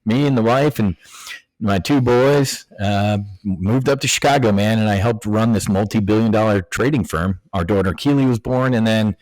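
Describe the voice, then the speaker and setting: A man's voice: lowish voice, moderate pace, a little mellow, no room sound, rough recording. A middle-aged man, a former Navy pilot, telling his story in a casual interview, acting out the voices of people he quotes. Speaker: guest, former Navy fighter pilot turned options trader.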